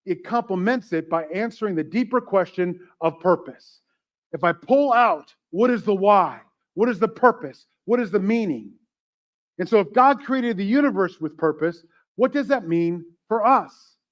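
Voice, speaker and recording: Male pastor, high-pitched, joking with the congregation mid-sermon; dull, lo-fi church livestream sound. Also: lively intonation, moderate pace. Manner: joking, conversational, asks questions to the congregation.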